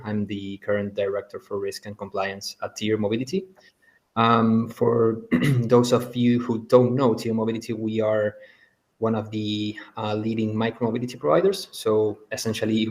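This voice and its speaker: A middle-aged man from Argentina introducing himself on a webinar panel, hesitant, with many ums and repeated words. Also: fairly low pitch. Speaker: panelist, compliance director.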